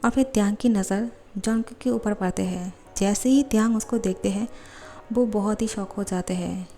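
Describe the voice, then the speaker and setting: A woman narrating a romance fan-fiction story in a steady, plain retelling. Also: medium pitch, normal speed, faint music behind.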